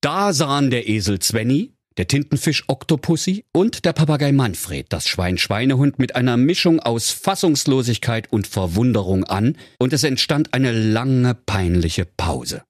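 A man's voice: medium pitch, big pitch swings, unhurried, hardly any pauses, no room sound. A man narrating a comedic fairy tale for a radio play in a dry storytelling manner.

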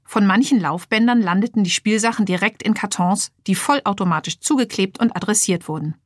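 A woman narrating a children's audiobook in a lively, clear way. Her voice sits mid-range and the recording is close and dry. It is steady, scripted storytelling. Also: mid-range voice, fairly quick, no echo.

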